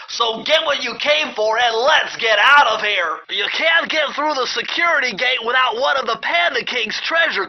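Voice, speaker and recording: The mission guide is a clever young cartoon turtle whose very high, nasal voice carries a precise, bookish fussiness as he walks the player through the game. Earnest, excitable and ever cautious, his instructions are heavily acted, and the recording sounds muffled and lo-fi.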